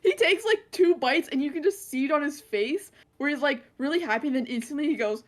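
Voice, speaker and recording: A woman's voice: high voice, fairly quick. A woman co-hosting a casual podcast, telling a funny story with frequent laughs. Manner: animated storyteller, laughs often. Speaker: podcast co-host. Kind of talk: casual chat.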